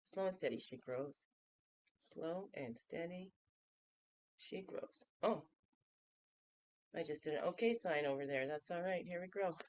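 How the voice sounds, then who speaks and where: A woman in her fifties hosts a daily reflection vlog, sounding nasal and stuffy from a cold. Her voice sits on the high side with a fairly bright tone, and she's playful and chatty, asking the listener questions in casual, reflective talk.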